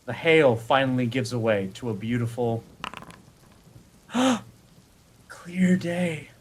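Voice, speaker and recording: A man narrating a tabletop game as game master, slow and dramatic, easily moved to emotion. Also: medium pitch, lively intonation, slightly rough, low-quality recording.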